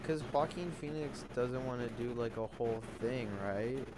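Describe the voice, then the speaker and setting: A man's voice: medium pitch, normal speed, heavy background noise. A young man co-hosting a podcast, rambling and hesitant, often trailing off mid-thought. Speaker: podcast co-host. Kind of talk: casual chat.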